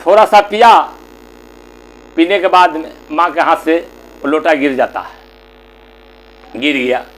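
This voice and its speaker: A male religious storyteller narrates a moral tale in short, plain phrases. His voice sits high and he paces it slowly, like a patient preacher. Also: animated, rough recording. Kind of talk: devotional story sermon.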